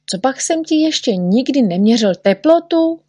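A woman's voice: high voice, animated, warm tone, slightly rough, dry recording, clean studio sound, pitched above the performer's own voice. A woman voicing a fussy, patient little male doctor who soothes and chides his patient. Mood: soothing. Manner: soothing, chiding.

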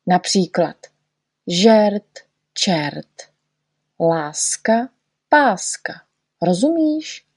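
A woman's voice: medium pitch, very animated, mellow, husky, no room sound, studio quality. A woman voicing a fussy little male poet in a storybook reading, patiently explaining and correcting. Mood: lecturing.

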